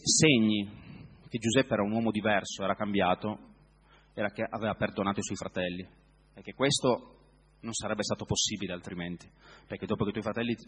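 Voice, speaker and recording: A man preaching a sermon in a reflective way, often pausing to search for words. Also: on the low side, slightly rough, in a large hall.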